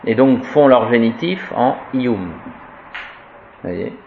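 Slow, wry man teaching Latin grammar. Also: medium pitch, expressive, vocal fry, phone-quality sound, noisy background. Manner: chatty and wry, stops to drill declensions aloud. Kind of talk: informal Latin grammar lesson.

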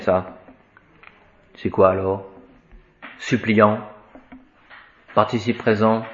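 Slow, deliberate male Latin teacher. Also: fairly low pitch, a little hiss or hum. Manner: chants declensions, slow and deliberate. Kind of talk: classroom grammar lesson. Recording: echoey room, dull lo-fi sound.

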